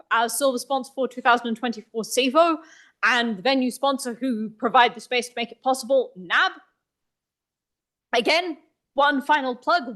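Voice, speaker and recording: A woman's voice: high-pitched, fairly bright tone. A woman hosting a tech meetup, making chatty, lightly joking announcements to a live room. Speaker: meetup host. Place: meetup venue, live audience.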